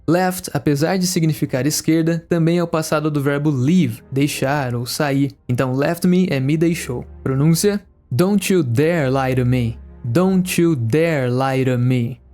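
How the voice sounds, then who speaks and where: A man gives an English lesson into a studio microphone, speaking in a slightly raised voice. He explains step by step and slowly repeats each phrase. Soft music plays behind him. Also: on the high side. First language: Portuguese. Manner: slow, careful repetition of English phrases. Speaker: English teacher.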